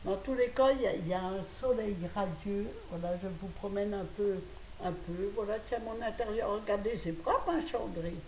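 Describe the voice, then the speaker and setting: An older woman from France chatting quickly to her phone camera at home, laughing at her own stories. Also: mid-range voice, a little mellow. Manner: fast, chatty, laughing at herself. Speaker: vlogger. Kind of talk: casual chat to camera. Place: her apartment, indoors. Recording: roomy, distant phone audio with faint hiss.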